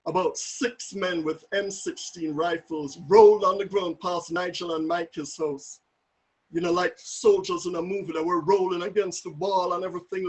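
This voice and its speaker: A man with a Jamaican accent tells a family memory during a tribute, speaking over a video call. His voice sits high for a man, and he tells the story in a lively, anecdotal way. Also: rough recording. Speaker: family member giving a tribute.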